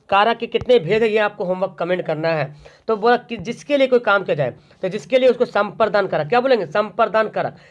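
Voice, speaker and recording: A man teaching an online exam-prep grammar lesson, asking questions and answering them himself. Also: high-pitched. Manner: drills by asking and answering his own questions. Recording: dull lo-fi recording.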